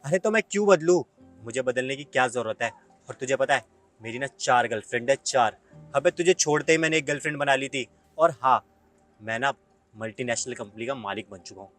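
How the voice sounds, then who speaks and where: A man's voice: medium pitch, a bit bright, natural voice. A young man playing an arrogant, boastful rich man who insults his ex-girlfriend in a web skit. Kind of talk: Hindi web skit acting.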